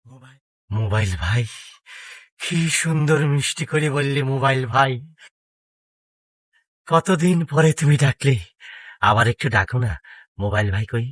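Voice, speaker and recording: A man's voice: mid-range voice, lively intonation, a little slow, pauses often, no echo, clean studio sound, close to an everyday voice. An actor playing a shy, lovesick village man who rambles through hesitant, flowery confessions at a window, in a Bangladeshi Bengali accent. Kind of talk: television drama acting.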